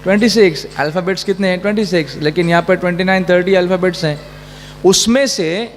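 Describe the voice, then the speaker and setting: High-voiced man teaching in an echoey hall. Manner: asks the audience questions and drills answers back. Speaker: Quran teacher. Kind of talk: religious lesson to children, mixing in English. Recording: echoey hall with faint hum.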